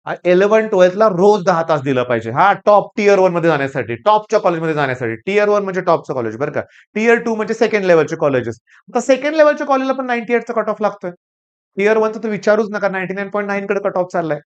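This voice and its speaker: A man's voice: sits high, expressive, fast, smooth. Blunt, emphatic middle-aged male tutor, lo-fi. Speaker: admission counsellor and tutor. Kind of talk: lecture-style talk to students and parents. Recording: dull lo-fi sound.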